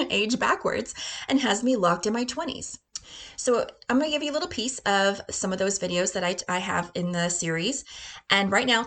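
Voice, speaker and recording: A woman in her forties hosts her own show as a health and fitness coach, pitching her program in a casual monologue. She sounds bubbly and upbeat and often breaks into laughter. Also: a bit bright. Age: 40s.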